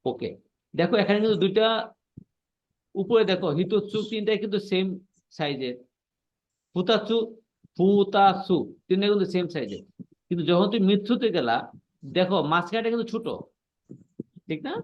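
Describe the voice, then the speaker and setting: High-voiced patient male language teacher. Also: expressive, brisk, long pauses, highs cut off. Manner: patient, repeats points and checks understanding. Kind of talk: online class explaining pronunciation.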